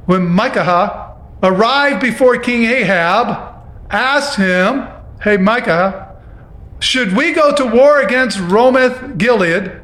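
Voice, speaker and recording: Slow high-voiced preacher reading scripture. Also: male voice, fairly bright tone, echoey room. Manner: reads aloud then pauses to explain.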